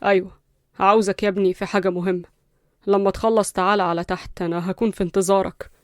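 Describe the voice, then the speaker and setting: A woman's voice: mid-range voice, flat delivery, fast talker, dry recording, studio quality, lightly acted. A woman voicing a serious middle-aged father. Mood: earnest. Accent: Egyptian Arabic. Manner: earnest, fatherly.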